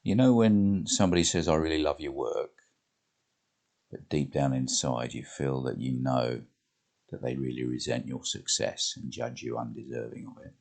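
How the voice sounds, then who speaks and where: A man's voice: extremely low pitch, moderate pace, creaky, darkish tone, voice pushed down, heavily acted. A man reading the part of an anxious woman who hears an inner voice, speaking earnestly and hesitantly.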